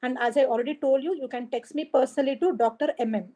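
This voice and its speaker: A woman with an Indian English accent runs a live online exam coaching class over video call, greeting students by name, encouraging them, and repeating key points. Her voice sits high and warm, and she talks fast. A laptop or headset mic picks her up.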